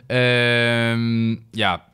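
A man's voice: medium pitch, sharp tone, smooth. Chatty man from Hesse, rambling commentary. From Hesse, Germany. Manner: chatty, rambling, many fillers. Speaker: let's play host. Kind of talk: casual gameplay commentary.

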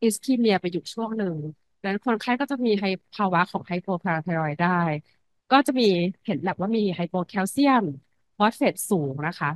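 A woman's voice: mid-range voice, lively intonation, moderate pace, dry recording, low-quality recording. A woman lecturer in internal medicine giving a medical lecture, explaining step by step and dropping English medical terms into her speech.

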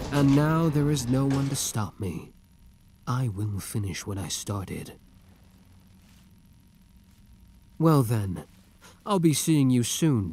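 A man plays a young villain in a scripted ASMR roleplay, obsessive and menacing with cold devotion, sounding smug and triumphant. His mid-range voice is mellow, his delivery deliberate and theatrical, with slight background noise.

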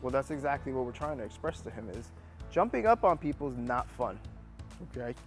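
A man's voice: mid-range voice, big pitch swings, brisk, soft background music. A man working as a dog trainer, teaching a hands-on training lesson indoors and coaching with upbeat praise.

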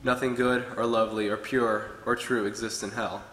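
A man's voice: on the low side, little pitch movement, normal speed, a bit bright. A young man preaching a short sermon from a pulpit, earnestly reading from his notes. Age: young adult. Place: church hall with wood-paneled walls. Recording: echoey hall with long reverb.

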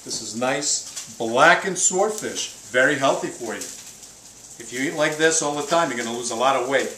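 A man's voice: medium pitch, expressive, moderate pace, a little hiss or hum. A middle-aged man hosting a casual home cooking show, chatting upbeat as he works at the stove. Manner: chatty, upbeat, talks while working at the stove. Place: home kitchen, indoors. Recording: echoey kitchen with loud sizzling.

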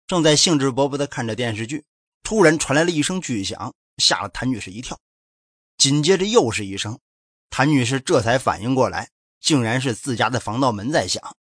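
A man's voice: mid-range voice, a bit bright, no room sound, clean studio sound. A male narrator telling a true-crime story in a dramatic, suspenseful way.

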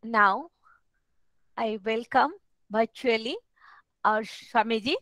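A woman's voice: on the high side, slow, fairly bright tone, no echo. A middle-aged woman with an Odia Indian accent, hosting a webinar in a formal address over a headset. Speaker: webinar host. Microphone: headset on video call.

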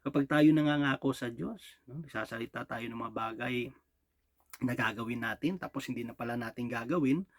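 A man's voice: mid-range voice, fairly quick, dry recording, studio quality. A Filipino man preaching a sermon in a mix of languages, often asking "di ba?" and "no?" and chuckling between points. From Philippines. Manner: rhetorical "di ba?" and "no?" checks with the congregation, frequent chuckles. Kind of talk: Taglish sermon.

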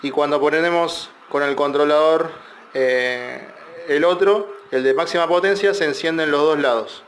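Man, workshop repair tutorial, a bit high-pitched, faint room noise behind. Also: moderate pace. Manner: loose, explanatory, many fillers and restarts. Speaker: electronics repair technician. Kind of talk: casual technical tutorial.

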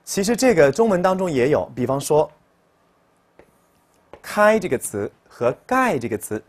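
Guy teaching pronunciation, kinda high voice, bouncy, repeats every word louder. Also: big pitch swings, fairly quick. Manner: explains in Chinese, repeats example words loudly and higher. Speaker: Japanese teacher. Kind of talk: classroom pronunciation lesson.

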